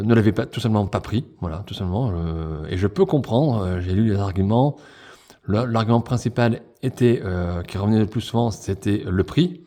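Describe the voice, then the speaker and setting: A man chatting enthusiastically through a toy unboxing review, full of fillers and quick self-corrections. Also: lowish voice, dark tone. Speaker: toy collector reviewing a figure pack.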